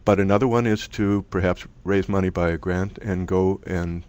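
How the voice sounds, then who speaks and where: Man, middle-aged, low pitch; relaxed lecturer who talks off the cuff with restarts. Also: normal speed. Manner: conversational, thinks aloud with restarts. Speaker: presenter from a music archive. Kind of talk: online lecture presentation.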